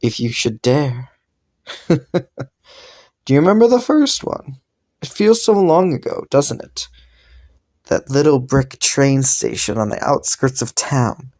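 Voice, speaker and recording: A man's voice: mid-range voice, expressive, no room sound, studio quality. A man voicing a seductive, possessive magical stranger who is cruel and teasing in an audio role-play. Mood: seductive menace. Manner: slow, seductive, teasing, quietly menacing.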